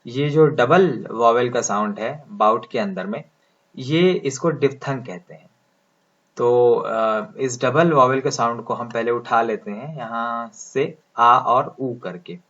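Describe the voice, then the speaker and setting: Slow, deliberate teacher, muffled audio. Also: male voice, mid-range voice. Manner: slow, deliberate, drawing out sounds as he writes symbols. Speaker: English pronunciation teacher. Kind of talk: explaining lesson, speaking Hindi. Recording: dull lo-fi sound.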